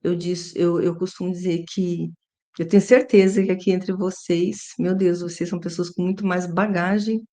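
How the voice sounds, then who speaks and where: A Brazilian woman giving an informal devotional talk as a guest speaker, halting and self-effacing. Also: on the low side, level tone, mellow. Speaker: guest speaker at a religious formation.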